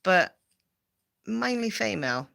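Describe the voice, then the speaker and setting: A woman's voice: mid-range voice, sing-song, takes it slowly, gravelly, a bit bright. A woman from Southend with an Essex accent, hosting a rambling, casual livestream chat full of fillers and repeats. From Southend, England. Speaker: livestream host.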